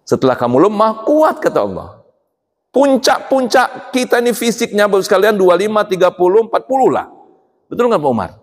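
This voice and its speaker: Lively preacher in an echoing mosque. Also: male voice, sits high, fairly quick. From Indonesia. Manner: lively, asks the congregation questions. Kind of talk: sermon. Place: mosque hall. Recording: long hall reverb.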